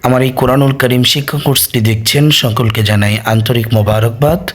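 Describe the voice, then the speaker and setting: A man's voice: medium pitch, fairly even intonation, fast talker. A man teaching Quran reading who spells out the Arabic letters and vowel marks one syllable at a time, patiently repeating each sound.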